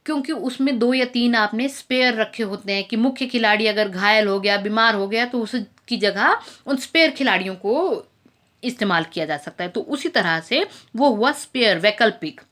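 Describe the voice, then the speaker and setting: A woman teacher with a slightly high voice works through a story, reading the English lines slowly and then explaining each word patiently in Hindi with everyday examples. Her delivery is clear and methodical, built for students. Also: a bit bright.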